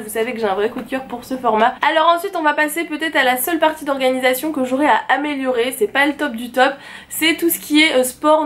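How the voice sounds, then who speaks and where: High-voiced chatty young woman vlogger. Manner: chatty and enthusiastic, gushing. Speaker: planner vlogger. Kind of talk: casual product show-and-tell.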